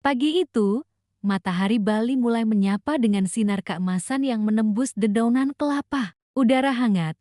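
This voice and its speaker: A woman reads a scripted story in a calm, even storytelling manner. Her voice sits somewhat high but sounds mellow and soft. The recording is dry and close. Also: moderate pace, no room sound.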